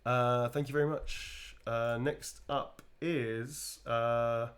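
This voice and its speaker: A man's voice: mid-range voice, steady tone, slow pace. A man chatting casually while signing and drawing for fans, self-mocking and often laughing. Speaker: voice actor signing fan requests.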